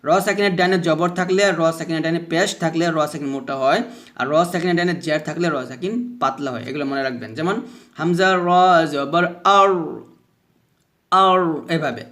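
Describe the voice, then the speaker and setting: A man teaching Quran pronunciation, slowly drilling the letter sounds again and again. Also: fairly high pitch. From Bangladesh. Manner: slow, repeats letter sounds over and over as drills. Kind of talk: pronunciation lesson.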